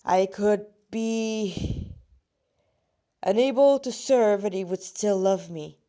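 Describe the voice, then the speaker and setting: A woman slowly reads her own story in a warm, medium-pitched voice with a touch of rust. The reading is relaxed and rambling, with sentences often left unfinished.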